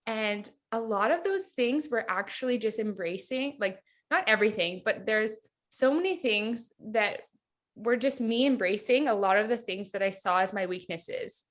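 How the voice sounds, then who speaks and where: A hypnotherapist in her thirties is a guest on a casual podcast interview. She speaks at a normal speed in a mid-range voice with lively intonation. She sounds chatty and reflective and says "like" a lot.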